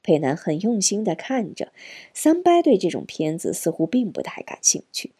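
A woman reads a novel aloud with a husky, mellow voice. Her pitch moves a lot, giving the story an expressive lift. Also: moderate pace. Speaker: audiobook narrator. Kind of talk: novel reading.

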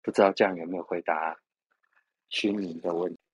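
A man, a podcast guest slowly and gently retelling a story in a soothing way. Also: low voice, fairly even intonation, slightly rough, dry recording, muffled recording. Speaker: interview guest. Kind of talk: casual storytelling.

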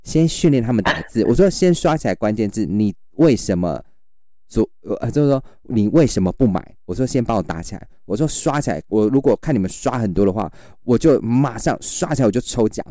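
This livestream seller has a mid-range voice and talks fairly quickly. He spins animated stories in casual chat, impersonating his customers, and the studio-quality audio has no room sound.

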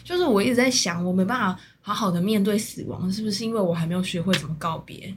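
A woman's voice: medium pitch, quick pace, background noise. A woman with a Taiwanese Mandarin accent co-hosting a casual podcast, chiming in with short prompts. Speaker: podcast co-host. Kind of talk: casual chat.

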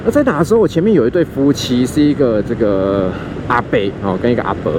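A man with a Taiwanese Mandarin accent tells a story in a casual chat, animated and acting out the voices he quotes, while riding a scooter outdoors. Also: mid-range voice, fast talker. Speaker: podcast host. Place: outdoors on a motorbike in city traffic. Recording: faint street and vehicle noise.

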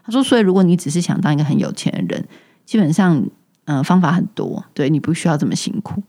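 Taiwanese-accented businesswoman guest, reflective, modest, fills pauses with soft murmurs. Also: sits low, lively intonation. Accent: Taiwanese Mandarin. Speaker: entrepreneur guest. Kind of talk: casual interview chat.

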